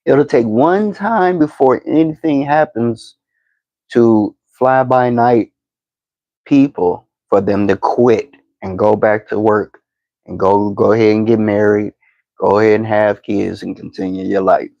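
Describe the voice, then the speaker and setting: Slow gravelly man in his fifties. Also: on the low side, darkish tone, no room sound, muffled recording. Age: 50s. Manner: slow, deliberate, preachy, with many fillers and repeated words. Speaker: podcast host. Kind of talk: motivational talk to camera.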